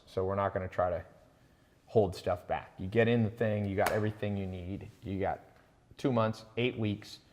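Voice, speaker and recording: Chatty man with a low, echoing voice. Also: darkish tone. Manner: chatty, boastful, reads out viewer names. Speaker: host of a live online sales talk. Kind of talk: casual live-stream pitch.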